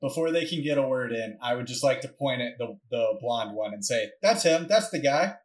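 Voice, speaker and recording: A man chatting as a player at a tabletop game in an everyday, direct way. His voice sits at an ordinary middle pitch. He talks plainly and to the point. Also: fairly even intonation, fairly quick. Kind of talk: casual game table chat.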